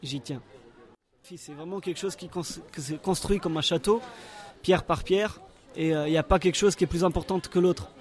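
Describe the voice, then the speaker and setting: Male circus performer, slightly high voice, halting interview answers. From Portugal. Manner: halting, searching for words.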